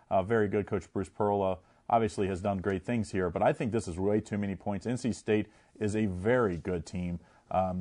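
Male betting analyst, lowish voice, casual and hedging. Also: warm tone. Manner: conversational, hedging, self-correcting. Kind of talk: casual sports betting talk.

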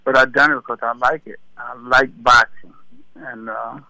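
A man in his seventies, a retired boxer, talking slowly and easily in an interview, often repeating words. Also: medium pitch, fairly even intonation, gravelly, sharp tone, no room sound, low-quality recording. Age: 70s. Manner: slow, easygoing, repeats words. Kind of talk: casual phone interview.

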